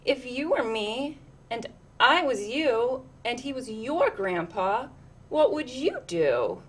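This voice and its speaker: A woman voicing an earnest, timid second-grade girl in a picture book, hesitant and soft-spoken. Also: a little high, very animated, takes it slowly, slightly rough, exaggerated voice.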